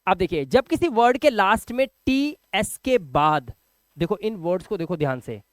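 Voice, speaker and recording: Emphatic man teaching with a high, clear voice. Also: animated, normal speed, dry recording. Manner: emphatic, repeats each word and quizzes the viewer. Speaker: English teacher. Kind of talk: spoken classroom lesson.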